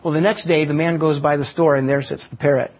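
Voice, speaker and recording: A man preaching a sermon, teaching with stories and slowing down for emphasis. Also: a little high, steady tone. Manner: teaching with illustrations and slow emphatic pauses. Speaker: pastor. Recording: dull lo-fi sermon recording.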